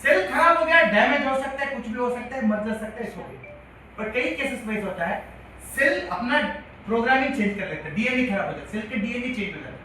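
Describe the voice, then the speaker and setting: Bright high-pitched guy teaching a health class, keeps asking the crowd questions, recorded from far off in a big echoey room. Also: expressive, a little fast. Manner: repetitive, quizzes the audience. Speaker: health lecturer. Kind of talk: classroom-style lecture. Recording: echoey hall from far off, faint hiss.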